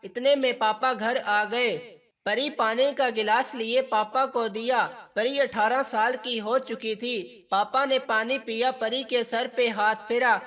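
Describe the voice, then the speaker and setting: A man tells a family story, reading in a plain, steady way. His voice is pitched very high for a man and sounds bright and sharp. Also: takes it slowly. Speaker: narrator. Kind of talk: storytelling narration.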